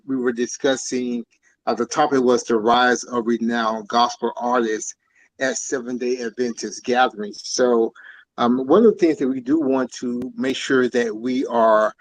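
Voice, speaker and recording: A man's voice: medium pitch, no echo, low-quality recording. Male panel host on a phone, dry and close, loose and rambling. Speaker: podcast host. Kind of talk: hosting a live-stream panel. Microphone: cell phone.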